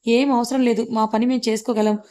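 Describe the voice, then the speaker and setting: A woman's voice: on the high side, little pitch movement, fast talker, dark tone, close to an everyday voice. A woman reading the lines of a stern, reproachful young husband in an audiobook story. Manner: reproachful, scolding.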